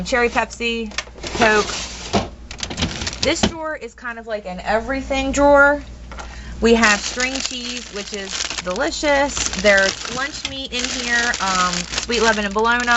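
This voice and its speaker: A young woman tours her home on camera from the kitchen, rambling casually with many ums and blunt opinions as a vlogger. She talks a little slowly in a voice on the high side, recorded as a dull lo-fi home video with noise.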